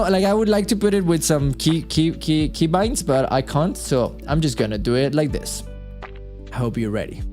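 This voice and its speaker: A man's voice: medium pitch, darkish tone. A tired man streaming live, chatting alone in a rambling, self-talking way. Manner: rambling, self-talking, frequent restarts and chuckles. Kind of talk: casual solo live-stream chat.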